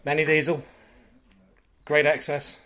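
A man giving a walkthrough tour of a boat for sale as its broker, listing features in brisk short phrases while he films aboard. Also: a little high, completely flat delivery, sharp tone. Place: aboard a small motor boat, cabin and cockpit.

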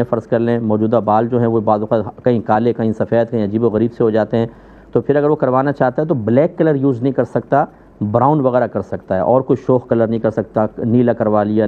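A man's voice: medium pitch, steady tone, a little fast. Man, mufti, methodical explanations, religious Q&A, phone-like narrow sound. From Pakistan. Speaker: mufti answering viewers' questions. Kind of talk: religious question-and-answer ruling.

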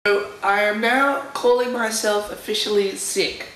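A man's voice: high-pitched, steady tone, a little slow, bright, forceful tone, soft background music. Stuffy-nosed young man vlogging at home. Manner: rambling, chatty, laughs often. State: stuffy nose and sore throat. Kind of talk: casual video diary. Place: at home, indoors. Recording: echoey room with background noise.

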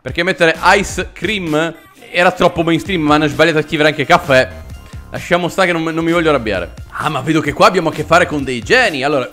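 A man's voice: on the high side, pushed and bright. A man hosting a casual comedic reaction video, sarcastic and full of mock outrage.

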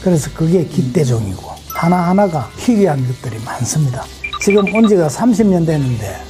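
A middle-aged woman speaks casually. Her voice sits low and is soft-edged and mellow, with faint music underneath. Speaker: local resident, woodcraft shop owner. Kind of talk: casual talk show chat and explanation.

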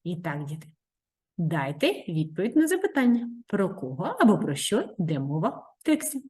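A woman teacher giving a video reading lesson to young children, in an expressive voice that drops now and then into soft whispers. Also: lowish voice, normal speed. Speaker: primary school teacher.

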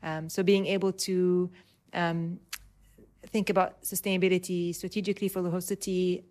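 A woman in her thirties from Dubai, an urban planner answering interview questions in a measured way, pausing with ums and restarting phrases. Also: on the low side, level tone, darkish tone.

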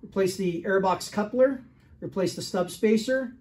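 Young male shop owner, higher pitch, casual matter-of-fact walkaround, handheld phone, indoor workshop. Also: normal speed, a little mellow. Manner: plain, matter-of-fact listing of details with fillers. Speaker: restoration shop owner selling a motorcycle.

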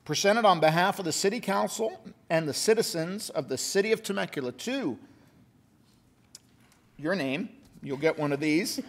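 A man serving as mayor at a city council meeting, reading a certificate aloud at a podium microphone in a genial way, with quick reading and frequent fillers. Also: sits high. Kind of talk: reading a certificate at a civic ceremony.

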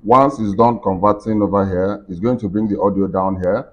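Seated at his indoor computer desk, a deep-voiced, middle-aged tech tutorial host records his screen while explaining software one step at a time. His pace is moderate, his delivery full of fillers and false starts, captured in a dull, lo-fi recording.

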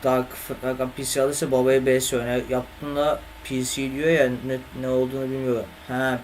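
Talking to chat from his home desk mic, this young male game streamer chats casually and swears and grumbles at his computer. The voice is mid-range with little pitch movement, delivered at normal speed over slight background noise.

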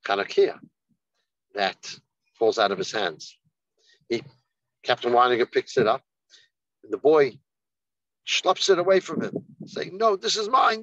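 A man giving a rabbi's holiday message, telling a story in an unhurried way and lifting his voice for the people he quotes. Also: fairly low pitch, a bit bright, no room sound, highs cut off. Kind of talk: sermon with storytelling.

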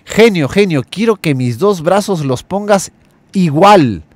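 A man doing a frantic young man, pitched up. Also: animated, measured pace, darkish tone, no echo. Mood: eager. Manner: pleading, then exasperated. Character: excited young man with uneven arms.

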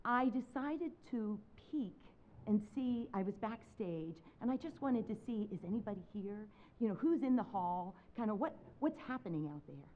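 A woman pianist giving a public talk from a stage, telling a personal story in a dramatic, animated way. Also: mid-range voice, moderate pace, narrow, tinny audio. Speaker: speaker, concert pianist. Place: stage talk before an audience.

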